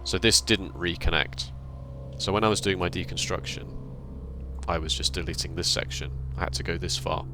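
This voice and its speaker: A man's voice: deep voice, moderate pace. A man hosting his gaming channel, explaining his setup step by step in casual commentary with dry, self-deprecating humour. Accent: British. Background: faint background music.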